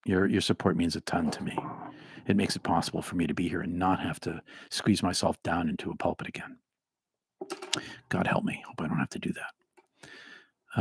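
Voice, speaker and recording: A man's voice: low voice, darkish tone, slight background noise. A middle-aged man from the Boston area, once a minister, hosting a live stream in a rambling, chatty way and thanking viewers by name. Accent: trained-out Boston, mostly neutral American. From Boston area, United States. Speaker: livestream host and former minister. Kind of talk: casual livestream chat.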